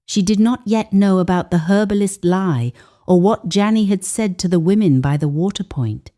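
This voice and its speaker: With a mellow, medium-pitched voice, a woman tells a scripted folktale. Her storytelling is measured and deliberate, dramatic in feel, with pauses placed for weight.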